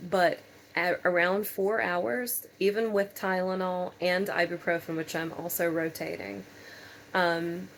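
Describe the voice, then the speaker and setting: Woman, worn-out post-surgery patient vlogger. Very flat, halting delivery, noisy room. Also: fairly low pitch. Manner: halting, hesitant delivery with long pauses. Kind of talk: casual personal vlog.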